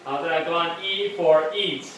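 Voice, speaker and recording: A man's voice: fairly high pitch, unhurried. A man teaching English phonics, repeating each sound twice and scolding lapses in attention. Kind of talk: one-on-one phonics drill. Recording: very echoey room, voice far from mic, faint noise.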